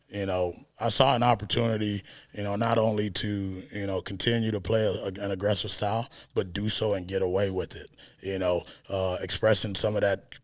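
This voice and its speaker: A low-pitched man speaks in an even, steady tone at a media day interview. He is a high school football coach, earnest and measured, pausing often on fillers. The sound is dry and close. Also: no room sound. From South Sudan.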